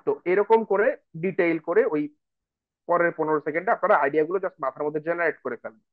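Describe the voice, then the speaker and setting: Male tutor, slightly high voice, dry thin phone-like sound, explanatory and code-switching. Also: a little fast, no echo. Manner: explanatory, addresses viewers as brother and sister, switches into English phrases. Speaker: IELTS speaking tutor. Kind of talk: online lesson mixing Bengali and English.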